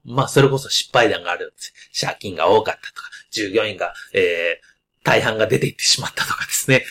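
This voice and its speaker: Man, podcast host, loud carrying voice, lively swooping pitch, casual explaining, frequent fillers. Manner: talks in explanatory asides with many fillers.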